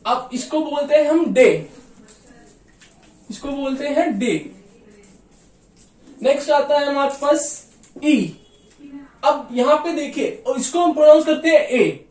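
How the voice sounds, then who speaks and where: A man teaching a beginners' lesson, patiently repeating each sound slowly. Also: very high-pitched, animated, darkish tone. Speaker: language teacher. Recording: echoey room, mic far off.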